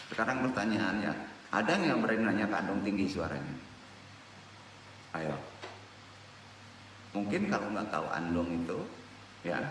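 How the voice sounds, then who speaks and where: An older man teaches a religious study group in a lively, swooping voice, teasing and quizzing the people in front of him. He sounds set back from the mic, in an echoey hall with a faint hum of room noise. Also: mid-range voice. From West Sumatra, Indonesia. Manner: animated, joking, quizzes the audience. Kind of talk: informal religious study lecture. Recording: echoey hall recorded from a distance.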